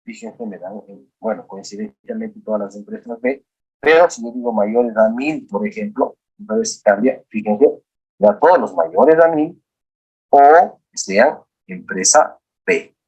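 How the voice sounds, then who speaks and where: Husky-voiced male teacher. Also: medium pitch, animated, measured pace, darkish tone, dull audio. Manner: walks through steps aloud, often prompting "look here". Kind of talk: screen-recorded software lesson.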